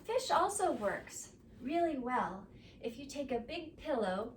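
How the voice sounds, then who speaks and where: A woman leading a preschool yoga class, giving gentle, sing-song prompts to children. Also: high voice, sing-song, a little slow, a little hiss or hum. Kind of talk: guided kids' yoga instruction. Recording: echoey room, mic at a distance.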